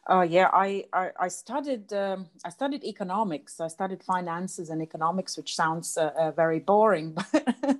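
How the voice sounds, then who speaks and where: A woman in her thirties with a Latvian accent, the president of an association, answers questions as a guest in a casual interview. Her voice is on the low side and her speed normal, and she hesitates often, with many fillers and restarts.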